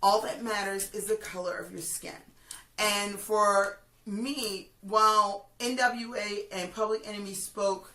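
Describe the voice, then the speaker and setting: A woman hosting a music review, chatting casually and giving opinions in an emphatic, halting way that repeats phrases. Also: mid-range voice, sharp tone. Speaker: host of a music review video. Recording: roomy, distant mic, faint noise.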